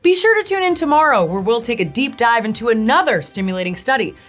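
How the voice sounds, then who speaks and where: A woman's voice: fairly high pitch, big pitch swings, quick pace, faint music behind. A woman playing a parody local news co-anchor, dry, snide and cynical. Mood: mock-cheerful. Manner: dry, snide, foul-mouthed.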